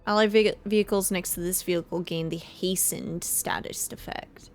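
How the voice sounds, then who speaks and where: Faint game music sits behind this streamer's fairly low, fairly even voice as she reads the game's text aloud at a moderate pace. She's offering casual commentary on a livestream.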